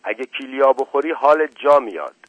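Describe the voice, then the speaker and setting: A man reads aloud as a firm, decisive village elder, a calm leader who commands the others. His mid-range voice is animated and pitched above his own but close to an everyday voice; the recording is muffled with no room sound.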